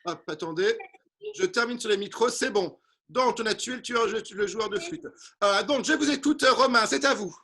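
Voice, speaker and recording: A man with a very high, bright voice hosts a homemade word game, heard through a video-call microphone. He sounds fussy and keeps calling out to missing players, trying to hold the game together. It is relaxed, joking studio-style patter delivered from his own home. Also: normal speed, slightly rough. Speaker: game show host.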